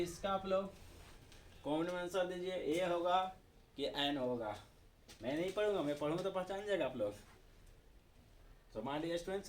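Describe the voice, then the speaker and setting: A man's voice: a little high, a little hiss or hum. A man with an Indian accent teaching English grammar, asking questions and repeating the answers himself. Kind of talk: classroom-style video lesson in Hindi.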